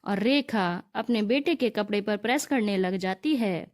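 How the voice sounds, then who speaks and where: A woman narrating a moral story in a plain, even storybook reading. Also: medium pitch, measured pace.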